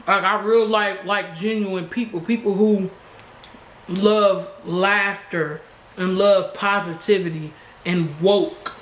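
Answering questions from a small living room, a young adult YouTuber speaks in a mid-range, fairly bright voice. His style is chatty, blunt, and full of slang, and the audio is roomy with noise in the background.

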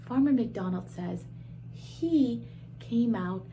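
Slow and fairly high-pitched, a thirtysomething woman teaches toddlers with animated gasps and questions. The audio, recorded at close range in a small room, is poor with slight background noise.

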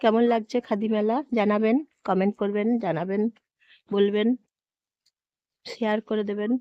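A Bengali woman vlogger with a hoarse voice from a cold, chattily showing viewers around a fair hall. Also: medium pitch, flat delivery, normal speed, lo-fi sound. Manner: chatty, repeatedly urging viewers to look. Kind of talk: casual walkthrough vlog.

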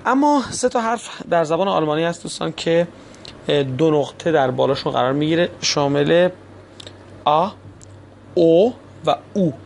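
A man teaching a recorded German lesson, spelling letters slowly, repeating sounds, and speaking to listeners as friends in polite, formal phrasing. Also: on the high side, animated, creaky, darkish tone, slight background noise.

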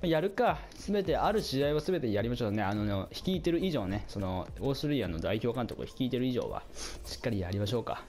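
A man doing casual commentary over a football video game, chatting to his viewers and reacting out loud to the plays, his voice getting hoarse. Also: medium pitch, lively intonation, quick pace, few pauses, slight background noise. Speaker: gameplay commentator.

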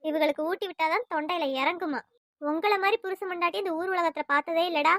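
A woman voicing a nagging, sharp-tongued middle-aged mother-in-law in a family cartoon. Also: steady tone, fast, no room sound, clean studio sound. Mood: scolding. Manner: nagging, taunting, shrill. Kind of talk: cartoon voice acting.

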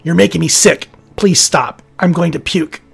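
A sultry female demon, mocking and spiteful, put on by a man reading the account. The voice is a little husky, sits fairly high, and has faint music underneath. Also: normal speed, a bit bright, exaggerated voice. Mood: sickened.

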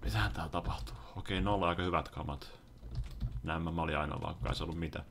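A young man giving excitable, casual commentary over his own gameplay, sometimes yelping when startled. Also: deep voice. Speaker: gaming video host.

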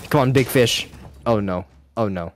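A man chatting casually while playing a game, excitable and quick to swear and yell. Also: medium pitch, faint music behind. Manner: excitable, swearing, sudden yelling outbursts. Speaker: gamer. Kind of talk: casual gameplay chat.

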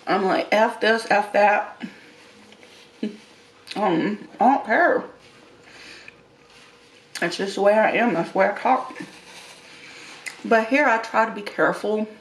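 A middle-aged woman talks to her viewers in a casual, rambling style with folksy phrasing. She takes her time, at a medium pitch. The room adds noticeable echo, and there is slight background noise. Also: animated, a little slow, long pauses. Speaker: mukbang eating show host. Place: small room indoors.

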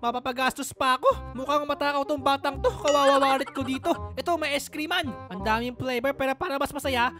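A woman narrating a comic game roleplay in a loud, excitable way, often laughing and switching between Tagalog and English. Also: high-pitched. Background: music.

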